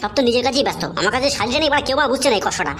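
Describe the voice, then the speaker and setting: A woman's voice: on the high side, animated, racing, fairly bright tone, faint music behind, pitched below the performer's own voice. A woman voicing a middle-aged woman grumbling to herself in a comic audio drama.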